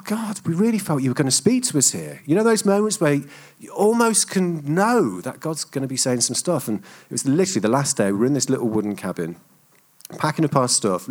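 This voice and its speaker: A middle-aged man preaches from the front. He tells long personal anecdotes in a chatty, self-deprecating way. His voice sits at an ordinary pitch for a man. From England. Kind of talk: sermon storytelling.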